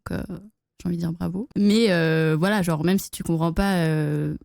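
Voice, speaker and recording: A woman's voice: fairly low pitch, moderate pace, vocal fry, a little mellow, no room sound, studio quality. A young woman being interviewed, frank and a little hesitant, with lots of fillers. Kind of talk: casual interview chat.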